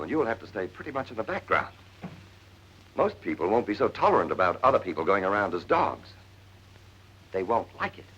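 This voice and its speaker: A man's voice: fairly low pitch, fairly bright tone, a little hiss or hum. A man acting an exasperated, wry character with sardonic screwball banter in a 1940s comedy film. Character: exasperated, wry man convinced his brother returned as a dog. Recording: muffled vintage film soundtrack.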